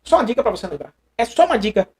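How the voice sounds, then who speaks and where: A man with a Brazilian accent teaching a live online exam-prep lesson, animated and chatty, repeating phrases and reading viewers' messages aloud. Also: high voice, very fast. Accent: Brazilian Portuguese.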